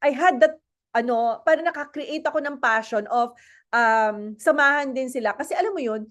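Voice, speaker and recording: A woman's voice: high voice, moderate pace, fairly bright tone. A woman with a Filipino accent giving a chatty motivational talk as a network marketing speaker, mixing in English and asking the audience questions. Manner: chatty, mixes English and Tagalog, asks the audience.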